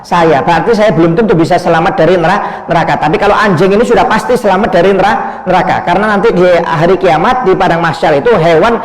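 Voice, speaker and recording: A man's voice: high-pitched, fast talker, hardly any pauses. A man preaching in a storytelling way, often breaking off words and restarting them. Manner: repetitive, cuts off and restarts words, addresses listeners as "Pak". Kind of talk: sermon storytelling. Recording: echoey hall.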